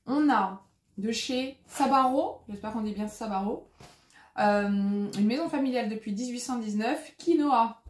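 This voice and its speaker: A woman's voice: fairly high pitch, measured pace, reverberant. A woman with a French accent, a dietitian chatting casually as she unboxes food and reads out ingredients. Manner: chatty, lots of fillers, reads out ingredient lists. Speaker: dietitian-nutritionist.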